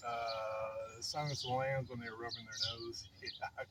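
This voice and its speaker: A grandfatherly older man chats casually, slightly out of breath, as if settling in to tell a long story. His delivery rambles, with wry, mock-dramatic self-pity. He is recorded outdoors, with clear background noise and birdsong around him. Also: mid-range voice, little pitch movement, normal speed. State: somewhat breathless. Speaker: vlogger telling a personal story. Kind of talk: casual fireside chat monologue.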